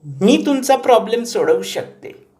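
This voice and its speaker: A man voicing a self-assured elderly grandmother, a former company executive, in a high, quavering old woman's voice for an audio story. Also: sing-song, a little slow, darkish tone, heavily acted. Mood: confident.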